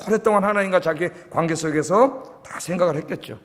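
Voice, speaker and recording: A man's voice: sits high, quick pace. A male pastor preaching a sermon. He asks the congregation questions, answers them himself, and lets his voice fall almost to a whisper at the ends of phrases. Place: church sanctuary. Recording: long church reverb.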